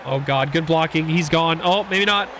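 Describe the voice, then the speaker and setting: A young man giving casual, excitable commentary while playing a football video game, rambling and reacting loudly to big plays. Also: on the high side, moderate pace, over music. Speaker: gaming YouTuber.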